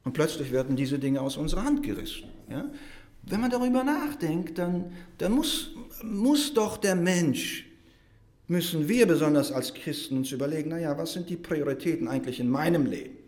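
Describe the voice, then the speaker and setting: Animated preacher man with lively pitch. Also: normal speed. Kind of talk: sermon.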